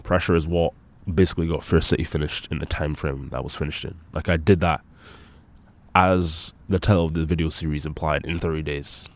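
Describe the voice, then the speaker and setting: A man's voice: very deep voice, steady tone, fairly quick. A young man with a congested, nasal voice, rambling casually and swearing often as he hosts his own podcast. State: congested nose. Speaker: solo podcast host.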